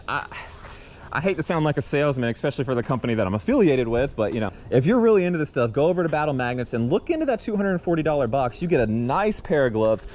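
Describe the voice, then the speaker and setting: Wearing a head-mounted action camera, a man with a medium-pitched voice vlogs from a bridge over a swamp, where he goes magnet fishing. He chats excitedly with viewers he calls y'all in casual outdoor commentary, with faint outdoor noise in the recording.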